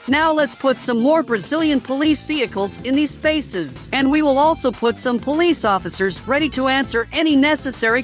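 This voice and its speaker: Gaming channel narrator, high voice, scripted delivery, faint music bed. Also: a bit bright. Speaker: gaming video host. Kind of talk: scripted Roblox video narration.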